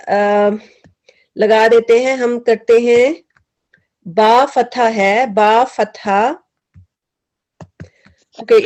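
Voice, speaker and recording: Patient female Quran teacher, slightly high voice, slow drilling questions, mixes in English words. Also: darkish tone. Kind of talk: tajweed class teaching.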